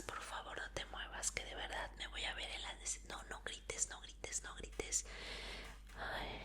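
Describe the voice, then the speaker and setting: A woman whispers the role of an obsessive fan murmuring to the idol she holds captive, pleading and apologetic in a slow, unhurried hush. Her whisper has a bright, crisp edge, and the coaxing roleplay feels sweetly menacing.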